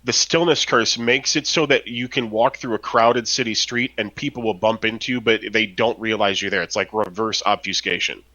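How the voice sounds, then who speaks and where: A man's voice: on the low side, steady tone, normal speed, hardly any pauses, sharp tone, highs cut off. A man chatting casually on a podcast about a role-playing game, rambling with lots of fillers and tag questions. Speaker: podcast co-host.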